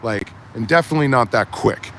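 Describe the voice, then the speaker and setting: A man chatting casually outdoors on a city street at dusk, talking in animated, rambling bursts full of restarts. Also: mid-range voice, brisk, a little hiss or hum. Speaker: livestreamer. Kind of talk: casual chat. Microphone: phone camera.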